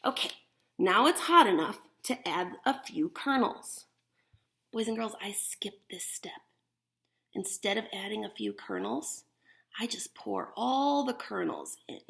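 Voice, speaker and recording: Animated and unhurried, a female teacher performs a picture-book read-aloud for small children, pausing for simple explanations and demonstrations. Her voice is medium-pitched and a bit bright, with some vocal fry.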